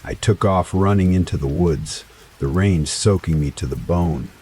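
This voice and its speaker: A man narrating a first-person horror story in a slow, dramatic scripted style. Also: low voice, warm tone, a little hiss or hum. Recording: faint rain sounds behind voice. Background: rain ambience.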